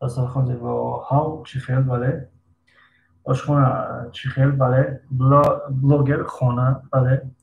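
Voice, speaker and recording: Gravelly-voiced man teaching English. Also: medium pitch, flat delivery, roomy sound, dull audio, slight background noise. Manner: patient, quizzes students by name. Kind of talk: online English lesson.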